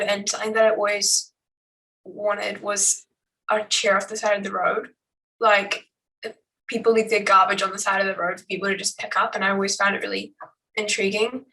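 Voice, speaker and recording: A woman's voice: mid-range voice, pushed and bright. A woman introducing and reciting her own poetry as a participant at an open mic. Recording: distant from the microphone.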